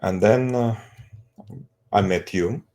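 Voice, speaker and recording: A middle-aged man with an Azerbaijani accent introducing himself conversationally, speaking haltingly in non-native English phrasing. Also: fairly low pitch, darkish tone. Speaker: street evangelist, co-presenter.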